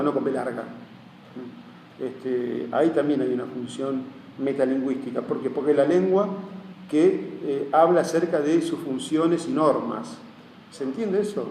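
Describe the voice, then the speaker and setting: Rambling teacher with a Rioplatense accent. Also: male voice, mid-range voice, creaky, dark tone. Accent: Rioplatense Spanish. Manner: rambling, checks in often with listeners. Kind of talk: classroom lecture. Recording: echoey room, mic far off, faint hum.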